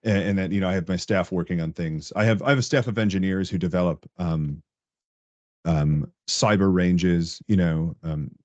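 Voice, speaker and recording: Guy with a real low voice telling stories on a podcast, laughs a bunch, kinda muffled audio. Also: moderate pace, dry recording. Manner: animated storyteller, laughs often, acts out coworkers' lines. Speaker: podcast guest, tech director. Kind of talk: casual interview chat.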